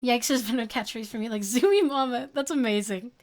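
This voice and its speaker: Fairly quick and a little mellow, her voice sits on the high side as this young streamer chats with her audience. She giggles a lot, stays chatty and reads messages from the chat out loud.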